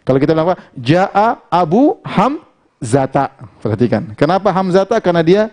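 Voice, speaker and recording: Lively Indonesian male grammar teacher. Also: a little high. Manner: lively, quizzing himself with questions and answers; chanting example phrases slowly. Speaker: Islamic teacher. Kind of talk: Arabic grammar lesson.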